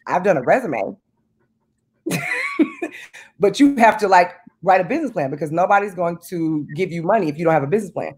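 A woman in her thirties on a video call from home, talking in an animated, emphatic way about money and business. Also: lowish voice, fairly quick, long pauses, slightly rough. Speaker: guest, business owner. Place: home room indoors. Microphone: video call webcam.

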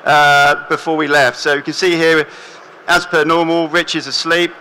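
A young man presents on stage in a large hall, chatting through his slides in a relaxed way with plenty of fillers and restarts. His voice is bright and fairly high for a man, with a faint hiss behind it. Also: moderate pace.

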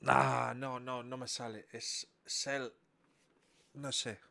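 A young man with an accent from Spain, commentating a quiz game on a live stream. He talks excitably, swears often and bursts into shouts. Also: medium pitch, slow, vocal fry, dry recording.

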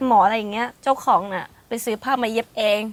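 A woman's voice: a little high, fast talker. A middle-aged woman co-hosting a talk show in casual chat, chatty and laughing often.

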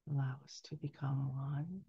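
An older woman channels a spiritual message as a seance medium. Her voice is dark, gravelly and solemn, moving in measured phrases with long pauses. The headset recording is dry and somewhat dull. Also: extremely low pitch, steady tone, no echo. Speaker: trance channeler. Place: small candlelit room indoors. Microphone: headset boom mic.

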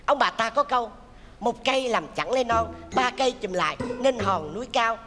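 Một người đàn ông đóng vai cậu học sinh nhà giàu kiêu ngạo, đọc bài thi một cách tự mãn. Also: male voice, very high-pitched, animated, moderate pace, long reverb tail, over music. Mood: smug. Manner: smug, pompous recital. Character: boastful rich schoolboy contestant. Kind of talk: stage comedy sketch.

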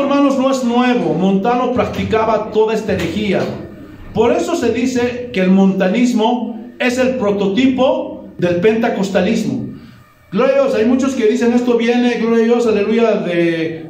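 A man with a Bolivian Spanish accent preaching a sermon as pastor in a church hall, animated and full of exclamations. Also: high-pitched, normal speed. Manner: animated preaching, frequent "Gloria a Dios". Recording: echoey room, voice from far off.

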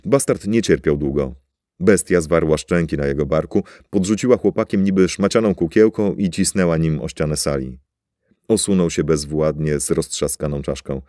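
Deep, dark-voiced male narrator. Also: normal speed, no room sound, clean studio sound. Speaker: audiobook narrator. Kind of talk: scripted narration.

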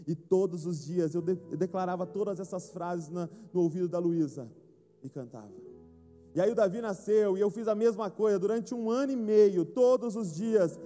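A man's voice: high voice, dark tone. A young man from Brazil preaching a sermon at a conference, telling stories and building to emphatic declarations. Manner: storytelling, acts out his father and himself, rising to emphatic declarations. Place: large conference hall. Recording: hall reverb with faint music.

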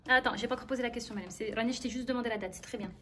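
A woman in her thirties races through casual vlog narration at home in a high-leaning, bright, forceful voice, with a little hiss or hum in the recording. As a home-schooling mother, she chats and explains while teaching her children.

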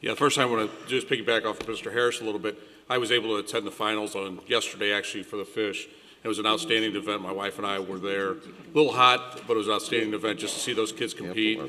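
A middle-aged man speaks as mayor at a council meeting, running through upcoming events with a steady, filler-laden delivery. His voice is low, with a bright edge. The council chamber gives it a long reverb. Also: quick pace, a little hiss or hum. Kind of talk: meeting announcements. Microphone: desk gooseneck mic.

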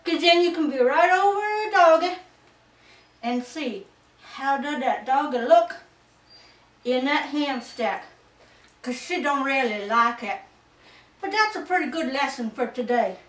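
A woman doing a brash, self-assured dog-show expert with a high voice, drawling slowly through a folksy comic lesson. Her voice sounds roomy, picked up from a mic set well back. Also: fairly bright tone, recorded from a distance. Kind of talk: comedic character tutorial.

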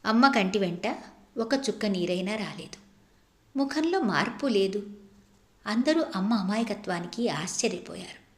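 A woman narrates an audiobook in a measured, expressive storytelling voice. Her pitch sits at an ordinary middle range, and the recording carries a noticeable room echo. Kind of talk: scripted narration. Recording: echoey room.

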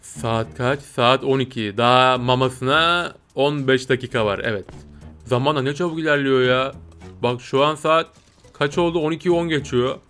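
Brief: young male streamer, bright forceful voice, excitable game commentary with squeals, music underneath. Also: normal speed, clear, resonant tone. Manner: excitable, jumps to high squeals and shouts. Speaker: gameplay streamer.

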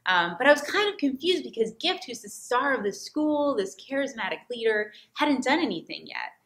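Bright-voiced woman telling a personal story. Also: fairly high pitch, normal speed. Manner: expressive, animated delivery that acts out quoted lines. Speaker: returned Peace Corps volunteer, former teacher.

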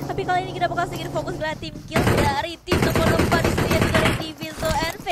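An energetic woman casting a live mobile shooter match, calling out the action and chatting to her viewers. Her voice sits high. Loud gunfire and vehicle noise from the game run under her. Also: racing. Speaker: esports caster.

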